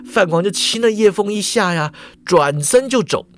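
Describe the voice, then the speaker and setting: A man narrating a comic story in a chatty, animated way. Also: sits high, normal speed. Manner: animated, chatty, fillers like 'ai'.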